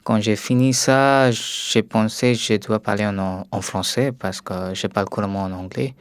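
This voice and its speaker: A man's voice: lowish voice, fairly even intonation, moderate pace, clean tone, no room sound. A young man from India with an Indian accent, native tongue Tamil, talking carefully in learner's French as a guest in a radio studio, with many hesitations. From India, Tamil Nadu. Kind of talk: radio interview.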